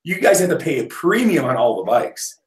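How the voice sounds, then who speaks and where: A man's voice: a little high, sing-song, a little fast, a crowd in the background. Man, 30s, easygoing rambling host on a video call, echoey room sound. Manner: rambling, with restarts and laughs. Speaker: host of a mountain biking live stream. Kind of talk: casual chat on a video call.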